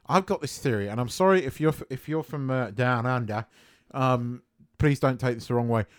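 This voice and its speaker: A man co-hosting a casual film chat, animated and swearing freely, laughing often. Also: medium pitch, normal speed, clean tone. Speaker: podcast co-host.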